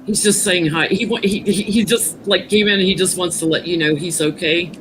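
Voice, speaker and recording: Over clearly noisy livestream audio from a video call, a psychic medium gives a casual reading. She speaks fairly quickly in a lowish voice, her manner matter-of-fact and reassuring.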